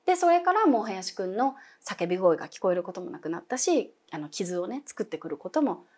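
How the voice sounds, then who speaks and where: A woman's voice: medium pitch, big pitch swings, fairly quick, a little mellow. A young adult woman telling a ghost story as a guest, dramatic, dropping to whispers and acting out voices.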